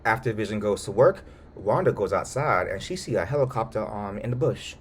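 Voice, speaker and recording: A man's voice: on the low side, expressive, brisk, slight background noise. A man recapping and reviewing a show in a casual, colloquial way with joking asides.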